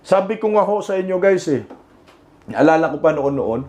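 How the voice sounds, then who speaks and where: A Filipino man doing laughing, mocking reaction commentary over protest footage, jeering and shouting exclamations. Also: a little high, big pitch swings, moderate pace. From Philippines.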